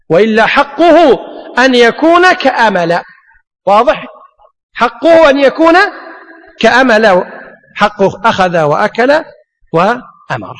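A man's voice: very high voice, fairly bright tone. A man teaching a grammar lesson, asking rhetorical questions and answering them himself. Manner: emphatic, drills rules by repetition. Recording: long hall reverb.

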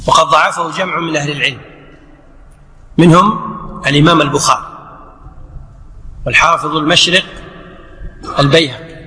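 A man's voice: fairly high pitch, steady tone, moderate pace, pauses often, bright, forceful tone. A man giving a religious lesson on prayer rulings, explaining with rhetorical questions and by acting out the imam and the worshipper. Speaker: Islamic scholar teaching. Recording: echoey hall reverb.

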